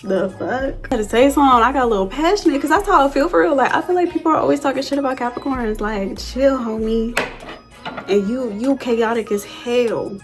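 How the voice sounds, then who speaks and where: A young woman chatting casually through a makeup tutorial, telling animated stories in slang with plenty of swearing. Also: sits high, a little fast, faint music behind. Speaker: beauty vlogger.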